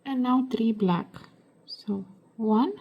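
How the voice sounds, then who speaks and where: A woman hosting a beading tutorial, giving soft step-by-step instructions, her voice hoarse as if she is losing it. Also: on the high side, dull audio. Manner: soft, slow, half-whispered while working.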